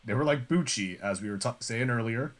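Bouncy, lively-voiced man. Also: medium pitch, a little fast. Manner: upbeat, bouncy and game for anything. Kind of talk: casual group chat.

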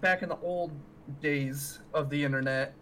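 A man's voice: a little high, steady tone, moderate pace, sharp tone, a little hiss or hum. A young American man bantering casually as a podcast co-host, talking like a frat bro with plenty of slang and swearing.

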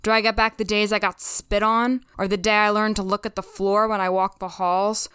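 A resentful teenage boy lists his grievances in a bitter voice, as a woman reads his part. The tone stays close to the reader's own: smooth and clear, recorded close and dry. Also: mid-range voice, little pitch movement, moderate pace, a bit bright, dry recording, close to an everyday voice.

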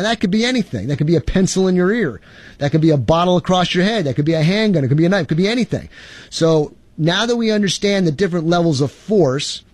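Male instructor, talks straight to camera, a bit higher voice, dry recording, lecture delivery. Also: darkish tone, no room sound. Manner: reads statutes aloud with asides. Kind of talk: instructional lecture with legal readings. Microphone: facing camera.

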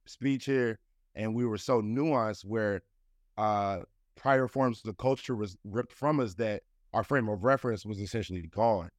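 A man in his thirties with a fairly low voice is a guest in a casual interview, speaking loosely and peppering his talk with "you know" and "like." There's no room sound.

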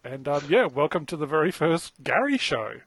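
A man with an Australian accent and a fairly high voice co-hosts a casual chat. His wording is polite and a touch formal, and the sound is close and dry. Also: big pitch swings, normal speed, fairly bright tone, no room sound. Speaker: podcast co-host.

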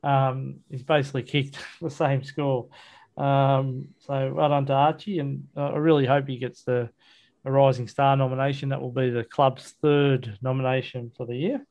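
A man's voice: mid-range voice, level tone, moderate pace, darkish tone. Blokey Australian man hosting casual footy chat. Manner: blokey, matey, colloquial. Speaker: sports podcast host. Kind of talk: casual football chat, match review.

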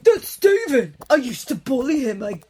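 A woman voicing an excitable girl hero, a former bully, who exclaims a lot. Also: sits high, normal speed, slight background noise. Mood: excited.

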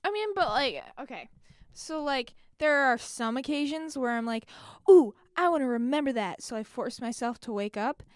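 A young woman co-hosting a casual podcast, chatty and full of fillers, who gets excited while retelling a story. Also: sits high, moderate pace, no echo, clean studio sound. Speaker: podcast co-host. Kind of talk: casual chat.

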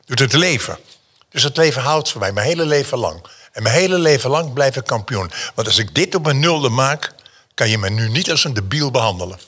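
Man, painter guest on an interview, animated storyteller, emphatic repetitions, bright tense tone. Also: mid-range voice, fairly quick, slightly rough. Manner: theatrical and emphatic, repeats phrases for effect.

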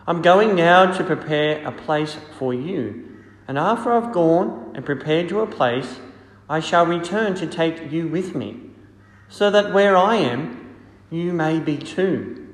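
A man speaking as a priest, reading scripture and preaching in a solemn, measured way in an echoing church. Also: fairly high pitch, lively intonation. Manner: solemn, measured, deliberate phrasing. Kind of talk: liturgical reading and homily. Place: large reverberant church. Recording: echoey church with long cathedral-like reverb.

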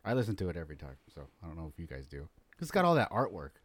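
Lively low-voiced man hosting a chat. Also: racing, dry recording. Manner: enthusiastic, laughs often. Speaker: podcast host. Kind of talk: casual chat.

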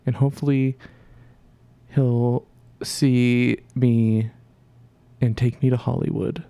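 A man doing a high, slow impression of a starstruck young woman friend, gushing over a crush. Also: level tone, creaky, mellow, clean tone, no room sound.

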